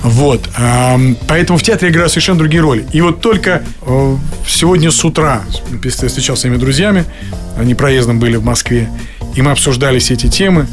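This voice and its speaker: A man's voice: mid-range voice, a little fast. Guy in his 50s on a radio show, rambling and joking, studio mic with music underneath. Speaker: actor guest on a radio show. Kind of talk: casual radio interview chat.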